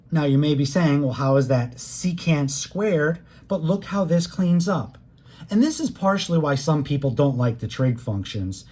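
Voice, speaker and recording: Mellow-voiced calculus teacher explaining patiently. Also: medium pitch. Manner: patient step-by-step explaining, leaning on key words; plain conversational teaching, speaks straight to students. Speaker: math instructor. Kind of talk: recorded calculus lecture.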